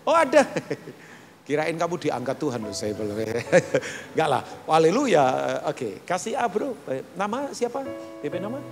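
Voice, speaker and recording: A middle-aged man preaching in a large church hall, his voice ringing with a long reverb. He talks in a lively, joking way, chatting with the congregation. Soft keyboard and guitar music plays behind him. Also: a little high, measured pace. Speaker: pastor. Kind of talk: live church sermon.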